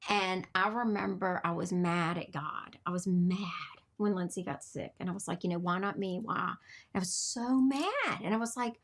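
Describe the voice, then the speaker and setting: A woman's voice: fairly low pitch, normal speed, hardly any pauses. A middle-aged woman, hosting a podcast and telling an emotional story. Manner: animated storyteller, emotional and laughing. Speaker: podcast host. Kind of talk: casual heartfelt chat.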